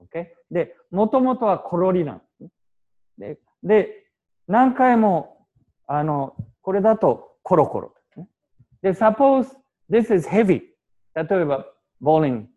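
A man teaching Japanese to a class, explaining with examples and short English glosses in a lively, animated way. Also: high-pitched, unhurried, highs cut off.

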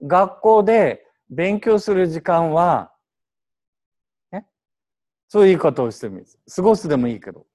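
Lively man teaching a translation class. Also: high voice, moderate pace, long pauses. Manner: lively, prodding questions, mixes English into Japanese. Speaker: English teacher.

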